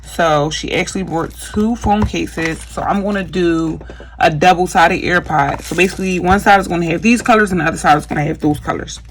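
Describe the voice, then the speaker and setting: A young female craft vlogger chats casually through a how-to video, calling her viewers "you guys" and using lots of fillers. Her voice is on the low side and brisk, with background noise present.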